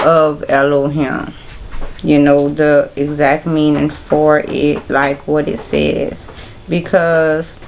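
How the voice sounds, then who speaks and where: Slow, gravelly-voiced woman hosting Bible study. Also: low-pitched, slight background noise. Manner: relaxed, rambling, speaks directly to viewers as y'all. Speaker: host of a Bible study livestream. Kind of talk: casual Bible study chat.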